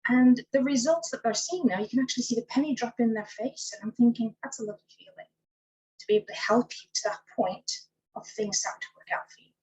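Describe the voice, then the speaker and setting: A woman's voice: on the high side, fast talker, a little mellow, husky, poor audio. A woman life coach answering interview questions, telling stories by acting out what she said to her clients. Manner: tells stories by acting out her own past dialogue.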